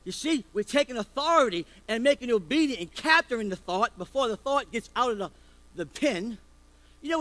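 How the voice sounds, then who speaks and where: A man delivering a sermon with a high-pitched voice. He preaches forcefully and keeps throwing rhetorical questions at the congregation. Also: dry recording, rough recording. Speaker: pastor.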